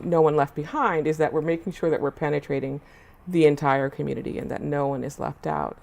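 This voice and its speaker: A woman social services official in a studio panel conversation, explaining in a measured way and repeating key points. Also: deep voice, gravelly. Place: small TV studio.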